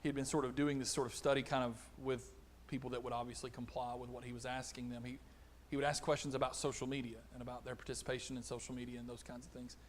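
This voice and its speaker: A middle-aged man preaching a conversational sermon, animated, acting out little exchanges. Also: mid-range voice, fast talker, hardly any pauses, slight background noise. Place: church auditorium.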